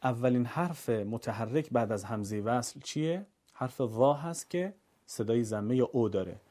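Man, recitation teacher, mellow voice, drawn-out chanted example words. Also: mid-range voice, animated. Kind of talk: recorded lesson on recitation rules.

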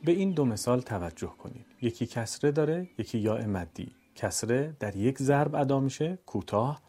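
Male Quran teacher, warm low-bright tone, patient lesson delivery, stretches syllables in drills. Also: animated, slightly rough, faint music behind. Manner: stretches example syllables slowly and chants them. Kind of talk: recorded lesson, calm explaining with drawn-out drills.

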